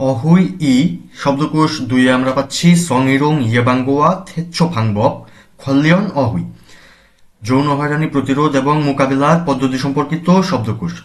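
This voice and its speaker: A man from Bangladesh with a Bangladeshi Bengali accent, teaching grammar and pronunciation slowly and deliberately, repeating each term. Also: medium pitch. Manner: slow, deliberate, repeats terms and spells out sounds. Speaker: language teacher.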